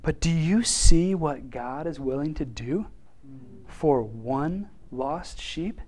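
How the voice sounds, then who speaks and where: A man teaching a Bible class in an informal, animated way, acting out quotes and laughing often. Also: fairly high pitch, slow.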